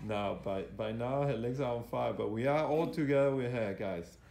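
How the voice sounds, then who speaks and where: A man's voice: mid-range voice, moderate pace, vocal fry. A man working as a fitness coach explains exercises as they are demonstrated, in a hesitant, repetitive, instructional way. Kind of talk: live exercise demonstration commentary. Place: indoor gym. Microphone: handheld camera operated by the speaker. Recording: echoey room, faint background noise.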